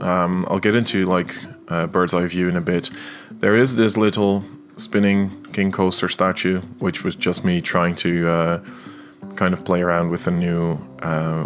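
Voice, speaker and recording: A young video game creator from the Netherlands talks casually over his gameplay video in a low, slightly bright voice with a Dutch accent. He's hesitant and fills his speech with filler sounds, while faint guitar music plays in the background.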